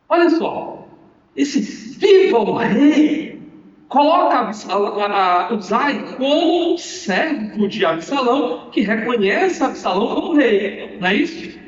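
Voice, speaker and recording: A male pastor with a Brazilian Portuguese accent preaches with emphasis and asks rhetorical questions. His voice is fairly high for a man. It rings through a church hall with long reverb, picked up from a distance with a dull, muffled tone. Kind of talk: sermon. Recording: echoey hall, distant mic, dull sound.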